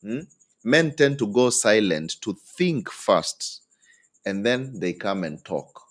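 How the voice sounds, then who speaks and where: A man giving relationship advice to an audience. He talks in an animated way, jumps his pitch up when acting out what partners say, and keeps checking in with "hmm?" and "eh?". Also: slow. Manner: animated, acts out quoted partners with leaps in pitch; tag questions like "hmm?" and "eh?". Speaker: relationship speaker.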